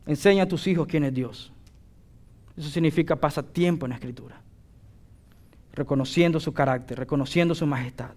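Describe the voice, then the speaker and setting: A middle-aged man delivering a sermon with a voice pitched a little above most men. He exhorts his listeners emphatically and builds to loud declarations on his key points. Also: brisk, long pauses. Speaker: preacher.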